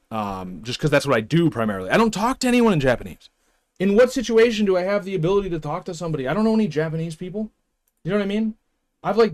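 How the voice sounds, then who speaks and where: A young man with a slightly high, somewhat bright voice chats loosely and unscripted with his live stream viewers. He rambles, restarts his sentences and slips in little chuckles.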